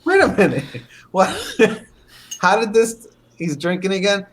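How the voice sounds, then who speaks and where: A man co-hosts a casual podcast and throws in teasing, sarcastic jabs. His voice is a touch high and swings a lot. Clear crowd noise runs behind him. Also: animated, a little slow. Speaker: podcast co-host.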